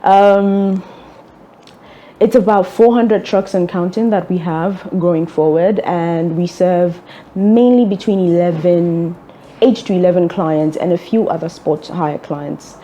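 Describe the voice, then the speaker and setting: Young woman, company director, low mellow voice, calm and orderly. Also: muffled recording, a little hiss or hum. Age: young adult. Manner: measured, orderly, with occasional ums. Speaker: executive director of a fuel transport firm. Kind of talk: interview answers.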